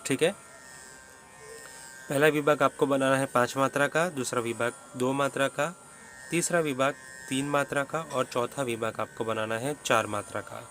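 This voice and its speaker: A man's voice: medium pitch, steady tone, moderate pace, a bit bright, soft background music. A man teaching a step-by-step rhythm lesson, patiently counting beats and reciting the syllables of each one. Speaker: music teacher.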